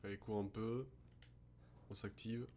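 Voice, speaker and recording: Guy streaming a horror game, scared, swears and mutters to himself, lowish voice, noisy hum behind him. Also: measured pace. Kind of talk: horror game let's play commentary. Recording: steady background noise with hum.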